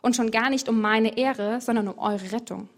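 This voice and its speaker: Earnest male teacher figure, read by a woman with firm emphasis, pitched a touch high. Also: steady tone, normal speed, close to an everyday voice. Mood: earnest, insistent.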